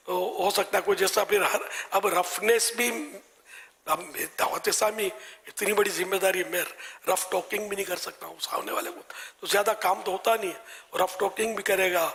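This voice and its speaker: A man giving a live religious talk with soft-spoken advice, often dropping to a whisper. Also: sits high, gravelly, long reverb tail. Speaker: religious scholar.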